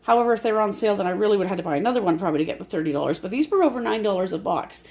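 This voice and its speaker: A woman with a breathy voice, short of breath from bronchitis, chatting casually in a rambling, explanatory way as an amateur vlogger filming on a handheld phone at home. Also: medium pitch, animated, very fast, a little mellow. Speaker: amateur grocery haul vlogger. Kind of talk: casual chatty haul narration. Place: indoors at home.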